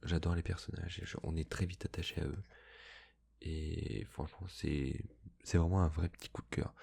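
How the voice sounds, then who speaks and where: Soft spoken asmr guy, hushed library whisper type, dark mellow tone, pretty flat, husky and breathy, chatting casually. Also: sits low. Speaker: ASMR video host. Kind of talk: soft-spoken ASMR, casual chat about book purchases.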